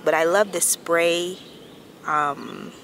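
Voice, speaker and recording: A woman in her thirties chatting casually to her camera in a park, rambling in a relaxed way. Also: on the low side, slow. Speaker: vlogger. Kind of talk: casual vlog chat. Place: outdoors in a grassy park. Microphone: camera phone held at arm's length. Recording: noisy outdoor ambience.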